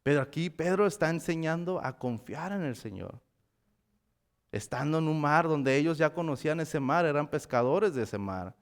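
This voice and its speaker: A man's voice: fairly high pitch, animated, moderate pace. A man preaching a sermon in a church, reading scripture dramatically and asking the congregation rhetorical questions. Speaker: pastor. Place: church sanctuary.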